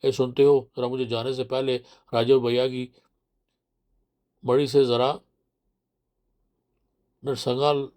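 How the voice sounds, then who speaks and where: A man's voice: medium pitch, little pitch movement, takes it slowly, pauses often, a little mellow, lightly acted. A man reading the lines of a worried village wife who urgently asks her husband for something. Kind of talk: audiobook character voice.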